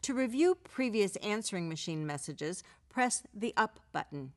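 Female narrator for an instructional video, medium pitch, measured scripted delivery. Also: animated.

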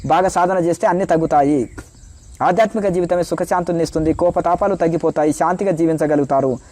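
Middle-aged male guru, high voice, preachy cadence, dry close sound. Answers devotees' questions. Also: fast, a little mellow, dry recording. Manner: preachy, rhythmic lists of virtues. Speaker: spiritual teacher. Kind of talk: spiritual Q&A answers.

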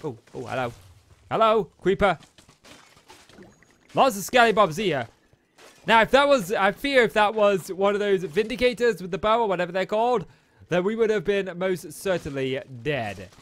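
A man giving chatty, excitable gameplay commentary and taunting the enemies on screen. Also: high-pitched, moderate pace. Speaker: let's play host.

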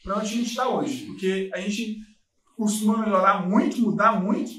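A man's voice: high voice, moderate pace, a bit bright. A man with a Brazilian Portuguese accent hosting a podcast, reflective and picking up the guest's phrases. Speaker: podcast host. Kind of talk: casual interview chat. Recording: echoey room, distant mic, faint noise.

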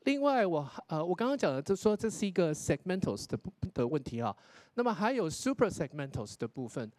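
Male lecturer, contest judge; high, very expressive voice; patient, explanatory critique. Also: fairly quick, dry recording. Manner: explanatory, demonstrates English pronunciation, tags sentences with 哈.

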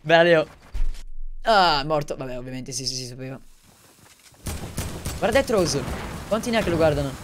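A male live streamer talks through his gameplay from home, keeping his voice deliberately low. His chat is casual and quick, with a steady stream of little asides. A faint hiss sits under the voice. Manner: talks quietly, holding back from shouting; chatty, rapid asides to viewers.

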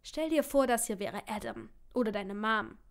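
A worried young boyfriend from an audiobook , read by a woman, talks in a soft, hushed, coaxing way. His voice sits fairly high and stays gentle and caring. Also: a little fast, natural voice. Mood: urging. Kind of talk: audiobook character reading.

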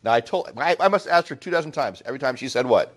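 A middle-aged man with a voice of ordinary pitch speaks to a small group of parents. He tells a story in an animated, anecdotal way and keeps checking in with the room through quick asides. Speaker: school presenter speaking to parents. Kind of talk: storytelling talk to a small audience.

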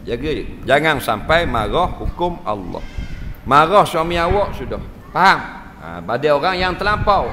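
A man's voice: on the high side, sharp tone. A man giving a humorous religious lecture in a mosque, often checking whether listeners understand. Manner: jokey, keeps asking the crowd if they understand. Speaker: Islamic religious teacher. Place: large mosque hall. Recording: reverberant mosque hall, faint noise.

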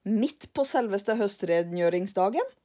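An older woman reading aloud and voicing a boastful, carefree little man who brushes off every worry in a loud, brash manner. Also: mid-range voice, lively intonation, natural voice. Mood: smug. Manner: brash, self-satisfied, shrugging off worries.

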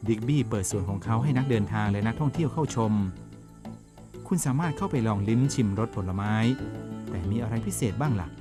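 ชายผู้บรรยายสารคดี มีดนตรีประกอบชัดเจน. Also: male voice, lowish voice. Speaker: documentary narrator. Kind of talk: scripted documentary narration. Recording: music bed under voice. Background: background music.

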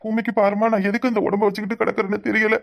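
Cartoon voice: an ailing old village father with a southern Tamil accent, voiced by a woman. He speaks fast but softly and wearily, full of guilt about being a burden. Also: medium pitch, level tone, vocal fry, natural voice. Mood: mournful. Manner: weary, guilt-ridden, soft. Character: sick old village father, self-pitying, coughing. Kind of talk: cartoon voice acting.

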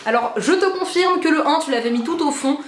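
A bubbly young woman from France with a high voice, chatting excitedly through a casual unboxing vlog. She gushes and piles up repeated words for emphasis. The sound is echoey, as if recorded in a bare room. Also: fairly quick, slight background noise. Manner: bubbly and gushing, repeats trop trop. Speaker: beauty vlogger.

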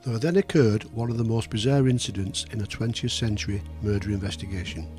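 A man giving scripted true crime narration in a sober, measured storytelling manner. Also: fairly low pitch, a little mellow. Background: faint music.

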